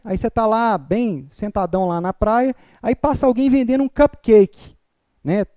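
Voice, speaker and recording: A man's voice: high voice, dark tone, dry recording, muffled recording. A man teaching a memorization lesson, upbeat and chatty, leading the listeners through call-and-repeat drills.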